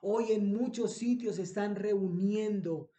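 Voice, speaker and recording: A man's voice: sits high, takes it slowly, mellow, echoey room. A man preaching a sermon as pastor. He repeats phrases for emphasis and asks the congregation rhetorical questions.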